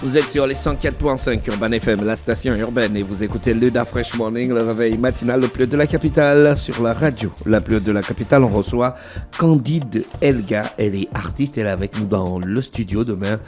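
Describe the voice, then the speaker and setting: A man's voice: medium pitch, fairly quick, a little mellow, faint music behind. A man hosting a morning radio show in a casual, teasing, inquisitive way. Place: radio studio.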